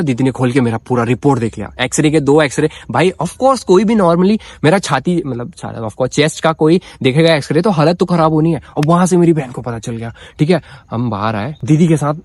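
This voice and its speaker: A young adult man telling a casual storytime vlog, animated and rambling, with many fillers and restarts. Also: a little high, no room sound. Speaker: vlogger.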